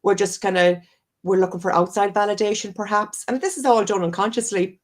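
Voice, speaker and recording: Fairly quick and medium in pitch, her voice keeps a fairly even intonation. The speaker is a wellness coach from Ireland, a guest on a live-streamed video call interview who goes on earnestly and at length, rambling and often revising herself.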